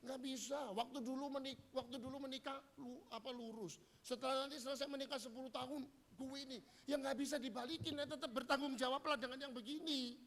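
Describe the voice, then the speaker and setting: High-voiced preacher man. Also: steady tone, quick pace, hardly any pauses, a bit bright. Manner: humorous, acts out quoted dialogue. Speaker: pastor. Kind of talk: sermon. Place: church.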